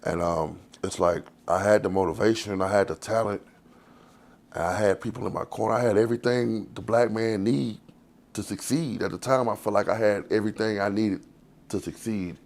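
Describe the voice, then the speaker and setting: Deep gravelly man in his forties. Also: fairly even intonation, moderate pace, a little mellow. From Texas. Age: 40s. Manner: loose, rambling, profane street talk. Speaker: interviewee. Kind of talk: candid life story interview. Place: outdoors on the street.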